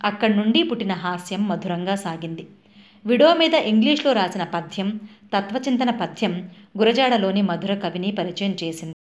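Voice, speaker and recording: A woman's voice: medium pitch, normal speed. Woman reading a literary review. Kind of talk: reading a book and film review.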